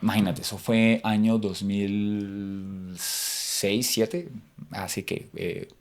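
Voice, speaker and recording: A man's voice: lowish voice, steady tone, slow. Reflective Colombian man with Cúcuta accent. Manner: reflective, hesitant, many fillers. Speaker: interview guest, actor. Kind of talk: personal faith testimony.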